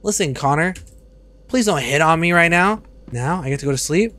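A young man in his twenties giving casual, joking commentary while streaming a game, with loud outbursts and swearing, on a studio mic. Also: fairly high pitch, animated, normal speed. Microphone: studio mic on arm.

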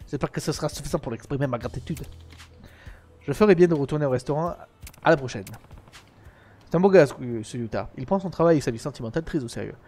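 French male streamer, lively pitch, does game voices on the fly, faint music behind. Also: fast, long pauses. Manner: switches between character voices and playful asides, laughing often. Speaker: streamer reading game dialogue aloud. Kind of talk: playful live-stream voice acting of game dialogue.

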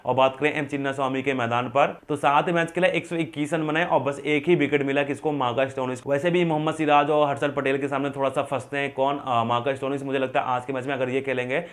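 A young man giving a fantasy cricket rundown to camera, quizzing himself with quick questions and answering them, recorded on a lapel mic in an indoor studio. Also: mid-range voice. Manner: rapid, animated hand gestures, self-asking "who?" then answering. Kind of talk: fast scripted-free stats rundown to camera. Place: indoor studio with printed backdrop. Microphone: lapel mic, medium framing.

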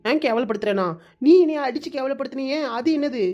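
A woman's voice: high-pitched, fast, dark tone, lo-fi sound, lightly acted. A woman voicing a sulky, self-pitying young bride-to-be with a southern Tamil Nadu accent. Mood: whiny.

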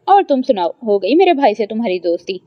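A cheerful, proud young sister-in-law, as a woman narrator voices her, teasing and playful. The tone sits slightly high, recorded dry and a bit dull. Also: big pitch swings, dry recording.

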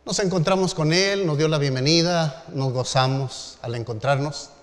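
A middle-aged man, a pastor telling a story in a sermon with measured phrasing and dramatic pauses. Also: a little high. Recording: long reverb of a large hall.

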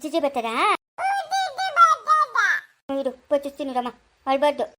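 A woman's voice: sits high, steady tone, measured pace, heavy background noise. A woman with a rural Karnataka Kannada accent, acting a fussing, caring village aunt in an amateur family skit, soothing children and lamenting with sighs.

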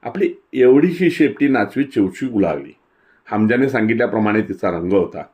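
A man narrating a literary short story in a measured, descriptive way. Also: on the low side, lively intonation, muffled recording. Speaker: story reader.

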